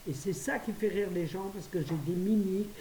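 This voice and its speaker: An older woman from France chatting quickly to her phone camera at home, laughing at her own stories. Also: mid-range voice, mellow. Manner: fast, chatty, laughing at herself. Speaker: vlogger. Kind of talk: casual chat to camera. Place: her apartment, indoors. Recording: roomy, distant phone audio with faint hiss.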